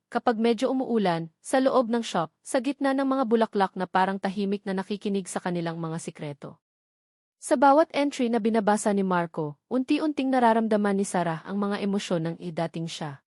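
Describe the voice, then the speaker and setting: A woman with a Filipino accent narrates a scripted romance story in the dramatic style of an audiobook. Her mid-range voice is a little mellow, and the clean studio recording has no echo.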